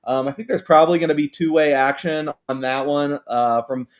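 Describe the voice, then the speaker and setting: A man's voice: a little high, fairly quick. A man talking sports betting on a talk show, hesitant, with many ums and repeated words.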